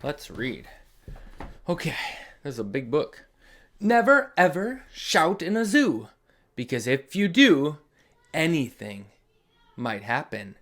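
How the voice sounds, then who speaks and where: A man with a fairly high, widely swinging voice reads slowly and a bit brightly, pausing often. He hosts a children's read-along story series, reading aloud with dramatic emphasis and tossing chatty asides to his young listeners.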